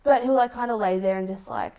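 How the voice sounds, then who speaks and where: Young Aussie woman, podcast co-host, casual storyteller, lots of swearing, mid-pitched voice. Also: a little fast. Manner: profane, animated storytelling. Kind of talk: casual chat.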